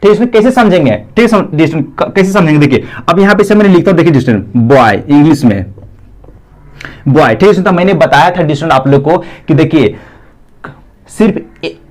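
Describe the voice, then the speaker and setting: A man's voice: fairly high pitch, expressive, brisk. A young man teaching an English grammar lesson, repeating his fillers and addressing the students again and again.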